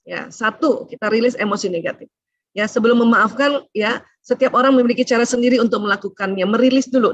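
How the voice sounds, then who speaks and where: A middle-aged woman doctor giving a chatty seminar talk to women, often adding "ya" as she explains, with sudden rises and hushed asides. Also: on the high side, dry recording, highs cut off. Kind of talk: seminar lecture to a women's audience.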